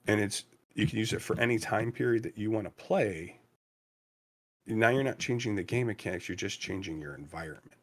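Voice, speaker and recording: A man's voice: on the low side, brisk. A man who designs games, talking casually and with emphasis, repeating key words to drive a point home. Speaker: game designer. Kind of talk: casual chat.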